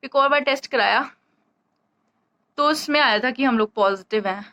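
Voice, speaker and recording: A woman's voice: sits high, normal speed, bright, forceful tone, highs cut off. A woman telling a rambling, chatty story to camera in a casual vlog, short of breath as she speaks. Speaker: vlogger.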